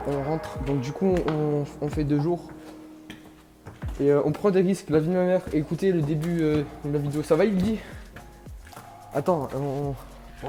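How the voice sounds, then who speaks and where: A vlog host with a high-ish voice explores inside and around an abandoned building, talking to his viewers in a slangy, awestruck running commentary. The room is echoey, and music plays in the background.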